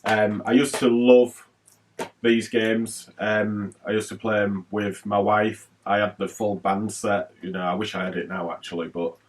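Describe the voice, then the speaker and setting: A man with a lowish voice talks through his gaming pickups in a loose, rambling way, full of ums and asides. He sits a little back from the mic, so the sound is slightly distant. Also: level tone, unhurried. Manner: chatty and rambling, with many fillers. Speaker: retro gaming YouTuber. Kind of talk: casual haul vlog talk.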